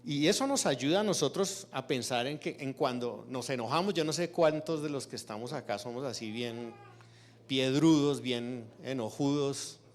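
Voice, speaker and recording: A man's voice: medium pitch, animated, a little fast, hardly any pauses. A man preaching a sermon in a church, teaching through rhetorical questions to the congregation. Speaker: pastor.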